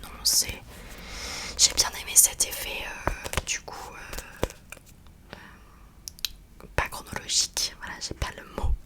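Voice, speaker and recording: A woman speaks in a soft, voiceless library whisper, chatting informally about books in ASMR style and hesitantly searching for words. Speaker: book review host. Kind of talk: whispered ASMR book chat.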